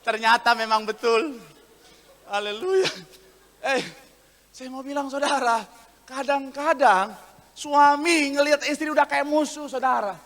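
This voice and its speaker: A high-pitched, bright male pastor preaching to his congregation with animated humor. His voice rings out through a reverberant church hall. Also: unhurried, pauses often. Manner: animated, acts out voices in anecdotes, calls the congregation "saudara". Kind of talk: lively comedic sermon.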